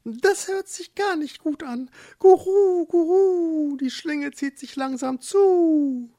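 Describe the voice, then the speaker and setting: A storyteller voicing a flock of excited, gossiping doves with shrill cooing calls for a children's storybook. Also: takes it slowly.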